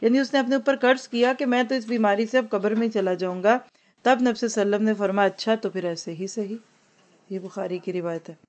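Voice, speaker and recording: A woman teaching an Islamic lesson, talking in an explanatory way and slipping English words into her speech. She slows down to recite Arabic phrases so her listeners can repeat after her. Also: a little high, fairly even intonation. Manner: Urdu-Hindi mixed with English words. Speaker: religious teacher.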